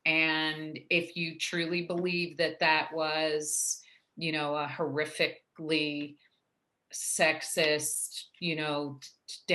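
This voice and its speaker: Bright low-voiced woman panelist. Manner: frank and anecdotal, halting restarts. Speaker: conference panelist. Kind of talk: casual panel discussion. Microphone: video call.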